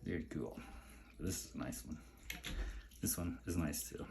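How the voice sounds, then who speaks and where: A man's voice: rumbling low, steady tone, normal speed, creaky, background noise. A man casually unboxing and admiring a collection, chatting along and talking to his pet between items. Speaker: collector showing a mail delivery.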